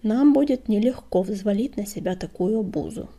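A woman's voice: on the high side, lively intonation, mellow. Woman voicing a thoughtful senior tomcat. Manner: thoughtful, measured. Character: thoughtful senior male warrior cat.

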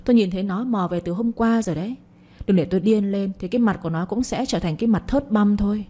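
A woman's voice: mid-range voice, fast, lightly acted. A woman voicing a furious village mother. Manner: shouting, cursing, accusing.

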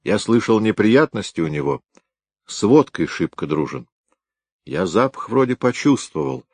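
A man reading aloud voices a young field detective reporting in a brisk, matter-of-fact way. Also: lowish voice, big pitch swings, no echo, voice pushed up.

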